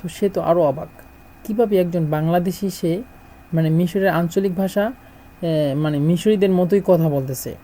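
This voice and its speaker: A middle-aged man from Bangladesh, teaching a language lesson and repeating words slowly as he drills them. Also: sits high, warm tone, low-quality recording.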